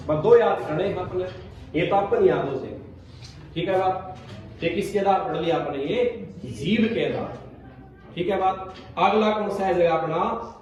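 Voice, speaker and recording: Male teacher, high pitch, drills the class with repeated questions; booming room echo. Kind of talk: classroom grammar lesson. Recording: echoey classroom, from far off.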